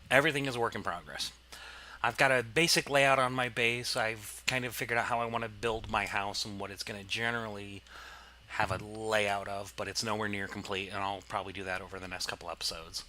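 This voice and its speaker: A man's voice: lowish voice, steady tone, brisk, bright, forceful tone, slight background noise. A man casually commenting on his gameplay, rambling and explaining as he goes, with plenty of fillers. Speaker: let's play host.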